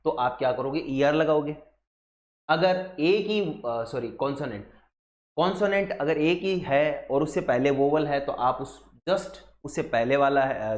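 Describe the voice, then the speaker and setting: A man's voice: fairly high pitch, darkish tone, echoey room. A man from India, an English teacher, explaining grammar for exam preparation step by step, asking rhetorical questions and mixing English terms into his talk. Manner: mixes Hindi with English terms. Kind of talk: exam-prep grammar lesson.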